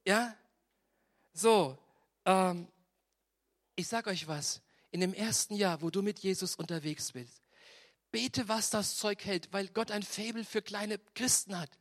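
A man preaching a lively sermon, telling a story with acted-out voices and often asking "ja?" of the congregation. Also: sits high, measured pace, pauses often. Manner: animated storytelling with voiced asides; tags many sentences with "ja?". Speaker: pastor.

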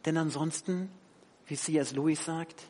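A man preaching a sermon, animated, swinging between loud emphasis and quiet asides. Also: a little high, normal speed. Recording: long hall reverb.

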